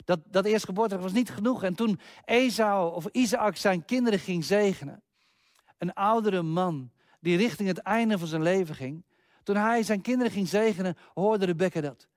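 A man preaching a sermon, retelling an old story earnestly, with slow pauses and sudden quick rushes. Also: high-pitched, no echo, studio quality.

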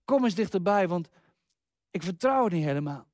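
A man voicing an older father who has been deceived, speaking hushed and hesitant. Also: high-pitched, lively intonation, normal speed, no room sound. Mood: doubtful. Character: older male who was deceived, father, doubtful then anguished.

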